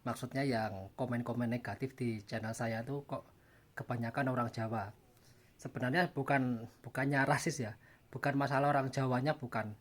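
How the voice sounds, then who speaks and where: A man's voice: medium pitch, steady tone, normal speed. A man from Java, hosting a casual opinion monologue, emphatic and repetitive, with mocking asides. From Java, Indonesia. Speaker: channel host.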